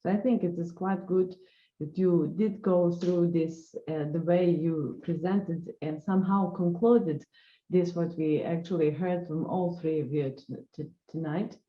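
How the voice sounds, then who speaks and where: A woman's voice: lowish voice, fairly even intonation, measured pace, reverberant, lo-fi sound. A woman moderating a panel discussion, searching for her words with many fillers.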